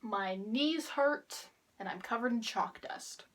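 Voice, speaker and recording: A teenage girl talks through a school biology assignment in a casual, deadpan way, with sarcastic asides. Her voice sits slightly high. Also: takes it slowly, noisy background. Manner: wry, deadpan humor. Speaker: student making a class video. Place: kneeling on the ground drawing with chalk.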